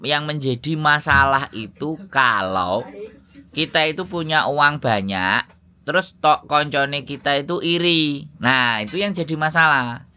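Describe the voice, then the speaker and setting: A man's voice: a little high, lively intonation, measured pace, bright, forceful tone. A man with a Javanese accent giving fatherly, lecturing advice in a casual phone chat.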